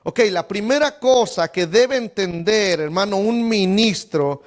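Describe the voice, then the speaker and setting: A male pastor teaches Scripture in a methodical way. His voice sits high and he moves at a slow, deliberate pace, repeating words as he thinks. He addresses the listeners as brother and punctuates his points with amen. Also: expressive. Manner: methodical, spells out word accents and Strong numbers, addresses listeners as brother; frequent amens and repeated stammered words. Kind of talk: Bible teaching lesson.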